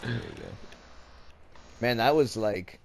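A young man hosting casual gameplay commentary, excitable and swearing, with shouts and laughs between lines. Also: mid-range voice, slow, gravelly, slight background noise. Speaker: gaming channel host. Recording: game sounds loud behind voice.

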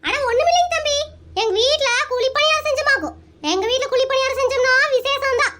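Muppatha is a chatty, nosy village neighbor with a very high, squeaky cartoon voice, played by a woman. She coaxes and rattles on quickly, and her tone is bright and sharp. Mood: coaxing. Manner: chatty, coaxing, drawn-out village talk. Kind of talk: Tamil comic cartoon voice acting.

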